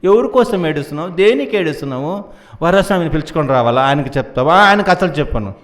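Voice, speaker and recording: A man's voice: on the high side, expressive, fast talker, fairly bright tone. A man voicing a worried, fussing mother who scolds and coaxes her son. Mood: worried scolding. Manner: scolding and coaxing.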